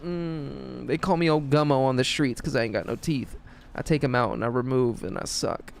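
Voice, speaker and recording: A man voicing a sleazy, toothless old male street hustler in a low, hushed, leering drawl. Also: moderate pace, creaky, lightly acted.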